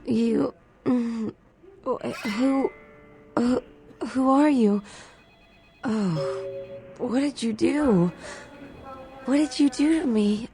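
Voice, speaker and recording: Frightened young woman, slow and halting. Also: fairly high pitch, warm tone, faint music behind. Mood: dazed, alarmed. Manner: halting, stammering, breathy pleading. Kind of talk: video game dramatic acting.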